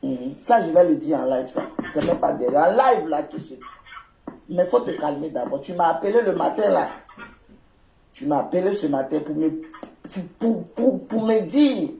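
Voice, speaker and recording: A man with a slightly high voice talks calmly and soothingly on a live stream, repeating himself. His voice rings in an echoey room. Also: normal speed, gravelly, a little hiss or hum.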